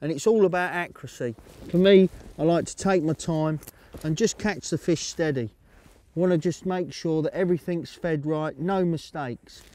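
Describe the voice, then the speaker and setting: Man, middle-aged, calm and steady, explaining step by step, outdoors by a lake, lapel mic, slightly higher voice. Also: normal speed. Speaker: angling coach. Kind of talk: outdoor fishing tutorial. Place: lakeside, outdoors.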